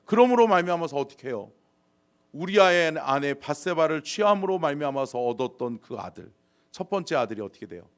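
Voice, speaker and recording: Male pastor, middle-aged, gravelly tone, lively rising and falling pitch, dramatic sermon delivery. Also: brisk. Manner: dramatic, acts out biblical dialogue, swings from loud to whispered. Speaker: senior pastor. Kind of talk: dawn service sermon and prayer.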